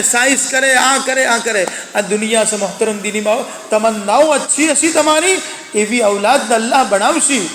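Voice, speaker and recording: A man's voice: extremely high pitch, sharp tone, a little hiss or hum. A man preaching a sermon to women, earnest and exhorting, repeating phrases for emphasis. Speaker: religious preacher addressing women. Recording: echoey hall with long reverb.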